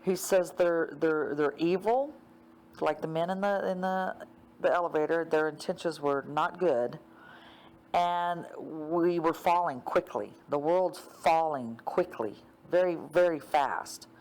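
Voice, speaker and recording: A woman with a notably low voice talks through a dream she had, in a loose, rambling, casual way. She leans on fillers like "um" and "like" and. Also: unhurried, darkish tone. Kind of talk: casual spoken retelling of a dream.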